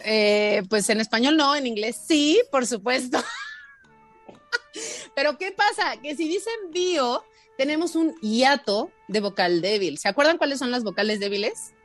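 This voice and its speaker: A woman runs a playful spelling quiz on the radio, teasing her hosts and stressing each rule. Her voice sits a little high, with faint music playing behind her. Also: lively intonation, a little slow. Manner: teasing, emphatic, laughs often. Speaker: spelling and grammar guest expert.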